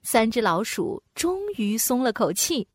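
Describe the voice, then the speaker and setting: A woman narrating a children's storybook in an animated, sing-song way, with playful sound words. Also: on the high side, a little slow, no echo.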